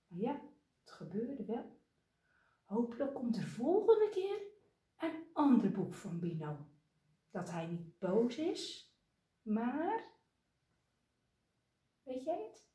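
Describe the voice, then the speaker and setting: A woman reading a children's picture book aloud in an expressive, sing-song way, asking the listener questions. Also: fairly high pitch, slow pace, long pauses, reverberant. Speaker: storybook reader.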